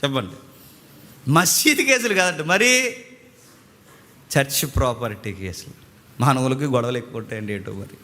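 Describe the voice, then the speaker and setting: A man preaching a sermon in an animated way, often acting out court scenes in quoted voices. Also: mid-range voice, moderate pace, pauses often. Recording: long hall reverb.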